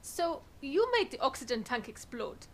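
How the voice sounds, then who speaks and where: A woman's voice: high-pitched, big pitch swings, normal speed, a little hiss or hum. A woman playing an earnest, literal-minded foreign female cosmonaut in an audio comedy. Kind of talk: comic radio-play acting.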